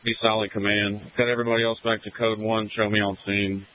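Low-voiced man giving orders over radio. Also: flat delivery, a little fast. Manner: terse orders. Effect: two-way radio transmission. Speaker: fire officer on scene. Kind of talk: radio field report. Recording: distant muffled radio with faint static.

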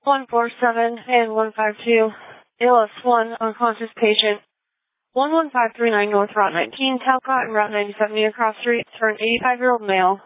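A woman dispatcher giving crisp emergency call-outs over a tinny two-way radio. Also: on the high side, fairly even intonation, brisk, no echo. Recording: dry, phone-like radio band.

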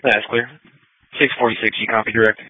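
Low flat-voiced man over police radio. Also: brisk, slightly rough, dry recording. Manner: terse, clipped radio codes. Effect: police radio transmission. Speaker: police dispatcher. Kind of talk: radio dispatch talk. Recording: tinny lo-fi radio audio.

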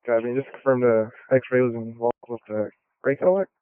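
A man's voice: mid-range voice, steady tone, brisk, clear, resonant tone, no room sound. A police officer in the field, a man, reading plates in clipped call-sign phonetics over a walkie-talkie radio. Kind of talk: terse police radio traffic. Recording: tinny dry radio transmission.

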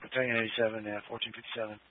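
A man's voice: lowish voice, little pitch movement, very fast, no room sound. A man working as an emergency dispatcher, giving terse, procedural calls over a two-way radio. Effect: two-way emergency radio transmission. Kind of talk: clipped radio dispatch traffic. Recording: narrow tinny radio channel.

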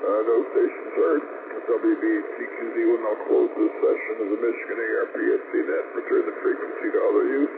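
Gravelly guy calling a ham radio net over two-way radio, heavy static. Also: fairly low pitch, fairly even intonation, brisk, hardly any pauses. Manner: procedural, reads call signs in phonetics. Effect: two-way radio transmission. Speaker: net control operator. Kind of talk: amateur radio net check-in. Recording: noisy, tinny radio channel.

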